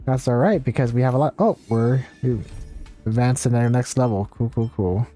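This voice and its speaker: Game music runs under a man's casual livestream chat as he plays a video game at a moderate pace. His mid-range voice has a dark tone, and he rambles while thinking aloud and reading the game's text.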